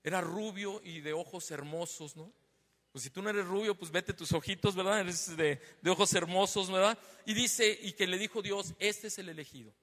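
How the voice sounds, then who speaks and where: High, bright-voiced preacher in a hall. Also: male voice, normal speed. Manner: conversational, asks the congregation many tag questions; loud and emphatic, then lowers his voice after being told he is shouting. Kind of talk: sermon. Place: church hall. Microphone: handheld or stand microphone.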